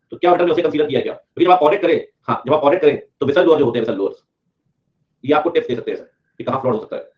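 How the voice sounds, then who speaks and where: A man's voice: a little high, dull audio. A male teacher giving a live online lecture, repeating key points and drilling students in a mix of Hindi and English. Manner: repetitive, drills points, reads student comments aloud.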